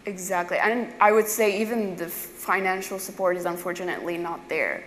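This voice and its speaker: A young woman speaks earnestly and candidly on a panel, her voice fairly low. The sound is echoey, with a long hall tail and faint ambience behind it. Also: normal speed, slight background noise. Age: young adult. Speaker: panelist, design student. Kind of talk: panel discussion. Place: stage in a large event hall.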